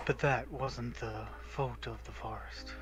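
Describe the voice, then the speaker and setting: Game music runs behind a streamer who's reading through a visual novel, flipping from relaxed chatter to dramatic narration in a giggly, playful way. The voice sits at a medium pitch, keeping fairly even intonation at a measured pace.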